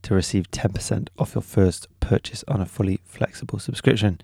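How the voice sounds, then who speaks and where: Low-voiced man, casual podcast host. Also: fairly even intonation, brisk, vocal fry, mellow, husky, no echo, clean studio sound. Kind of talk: casual chat and informal announcements.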